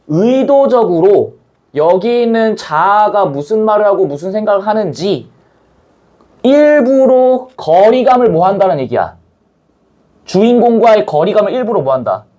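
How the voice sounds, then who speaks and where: Animated high-voiced male teacher. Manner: animated, chatty, acts out scenes, blunt slang. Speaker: Korean language teacher. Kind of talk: casual classroom lecture.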